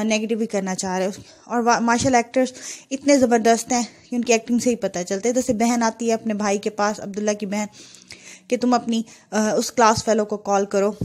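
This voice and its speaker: A woman's voice: a little high, darkish tone. A woman casually retelling a TV drama episode, chatty and full of fillers as she walks through the scenes. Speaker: drama reviewer.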